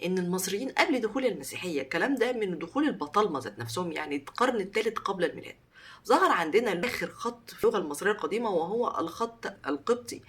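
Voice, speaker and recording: A woman with an Egyptian Arabic accent gives an educational talk to camera, animated and stressing each word as she lists them. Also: medium pitch. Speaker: host and Egyptology explainer.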